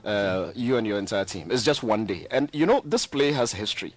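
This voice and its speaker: A man's voice: lowish voice, animated, fairly quick. A man in his forties with a Ghanaian English accent, a radio studio guest from a lottery company, explaining plainly and laughing easily in casual chat. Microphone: studio microphone.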